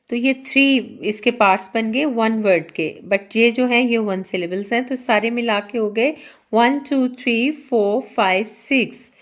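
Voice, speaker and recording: A woman teacher with a Pakistani accent, explaining a lesson slowly and counting out syllables with care. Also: a little high. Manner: slow, careful, spells out syllables and counts aloud. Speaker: English teacher. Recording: dull lo-fi sound.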